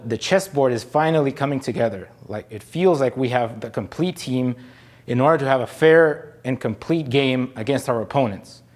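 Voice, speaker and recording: A man from Honduras, a general physician, speaking calmly and reflectively in a video testimonial. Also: medium pitch.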